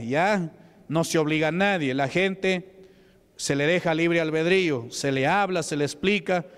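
A Peruvian man preaches in a church hall, telling his testimony in a chatty way and turning questions to his listeners. His voice is smooth, resonant and slightly higher than most men's. A long reverb from the hall trails after every phrase. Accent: Peruvian Spanish. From Peru. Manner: conversational, asks the congregation questions. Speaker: pastor. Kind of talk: testimony sermon.

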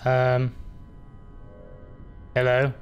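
A man's voice: medium pitch, completely flat delivery, extremely slow, smooth, soft background music. A young man giving cheeky, jokey commentary as a scared horror game streamer, wisecracking through his nerves.

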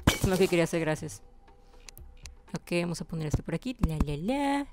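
A woman's voice: fairly low pitch, sing-song, brisk, over loud music. A woman hosting a casual game playthrough, humming little sound effects and chatting to the creatures on screen. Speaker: gameplay host. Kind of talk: casual let's-play commentary.

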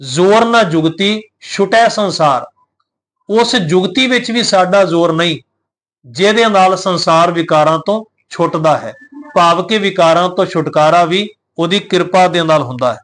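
A man teaching scripture, reciting verses slowly and drawn out, then explaining them plainly and giving pronunciation guidance. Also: high voice, a bit bright. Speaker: Gurbani teacher.

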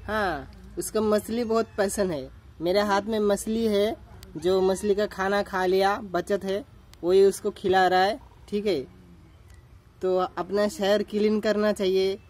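A man's voice: high-pitched, steady tone, slow, a little mellow. A man filming a casual vlog on his phone outdoors, talking simply and coaxing a cat. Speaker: vlogger. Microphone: phone held while filming.

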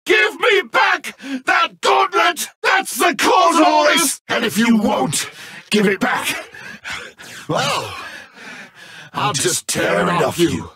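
A man playing a petulant, theatrical video game villain stripped of his godlike powers, with a raspy, strained, melodramatic delivery. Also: extremely high pitch, very animated, sharp tone, no room sound, shouting, clean studio sound, heavily acted. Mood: vengeful fury. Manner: melodramatic, drawn-out, emphatic. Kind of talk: dramatic animated game acting.

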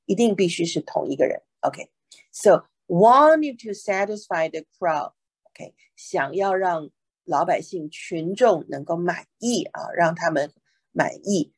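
A woman with a low, slightly breathy voice teaching a Bible lesson in two languages. She reads each English verse slowly, then explains it patiently, dropping in "OK" as she goes. The sound is dry and close, with no room around it. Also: expressive, no echo. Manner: explanatory, frequent "OK" and "哈" fillers.

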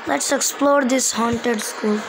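A woman's voice: on the high side, steady tone, slow pace, background noise. A woman hosting casual horror game commentary, explaining things simply and repeating phrases. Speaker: gaming video host.

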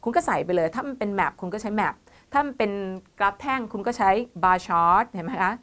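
A woman's voice: mid-range voice, expressive, normal speed, a bit bright. A woman teaching an online English exam-prep lesson, mixing English terms into her explanations, patient and checking in often with her students. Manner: calls herself "teacher" and the students "child", mixes English terms into Thai. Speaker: IELTS tutor.

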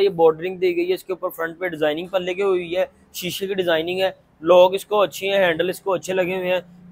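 A man, giving an unscripted, insistent and repetitive showroom sales pitch as host. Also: no echo, low-quality recording. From Pakistan. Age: 20s. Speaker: furniture showroom owner and video host. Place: large indoor furniture showroom. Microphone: clip-on lapel mic.

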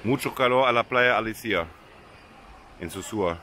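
A man's voice: on the low side, normal speed, pushed and bright, a little hiss or hum. A German man filming a casual travel vlog at a beach bar, stumbling through broken Spanish, English and French. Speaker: vlogger.

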